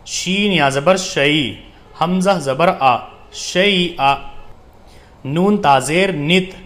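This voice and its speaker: A man teaching Quran reading, spelling out letters and vowel marks, then chanting verses slowly and explaining quickly. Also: a little high, a bit bright. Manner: slow drawn-out recitation alternating with quick explanations. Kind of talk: spelling out and reciting Quranic text for learners.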